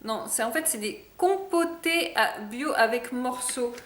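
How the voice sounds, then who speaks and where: A woman's voice: fairly high pitch, animated, unhurried, reverberant, slight background noise. A woman chatting casually in a product review vlog, hesitant with many fillers. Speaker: vlogger.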